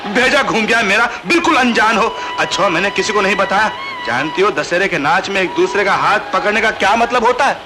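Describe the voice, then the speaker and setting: A man's voice: high voice, lively intonation, brisk. An actor playing a playful young villager who teases and jokes while courting a girl, in a 1960s film. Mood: teasing. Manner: teasing, joking, boyish. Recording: film soundtrack with loud music.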